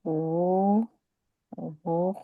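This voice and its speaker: A woman student reading aloud in a lesson, slowly and carefully sounding out each word. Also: fairly low pitch, fairly even intonation, no room sound, narrow, tinny audio. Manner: slow, careful, sounding out words.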